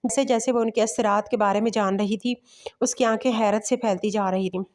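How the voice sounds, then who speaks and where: Give me a woman narrating a romance novel as a calm bedtime story. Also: mid-range voice, a little fast. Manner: steady reading.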